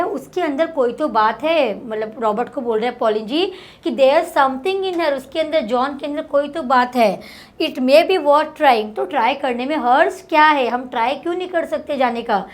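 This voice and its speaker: A woman tutor with an Indian accent, reading English lines slowly and explaining them in Hindi. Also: high-pitched. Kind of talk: explaining a textbook lesson.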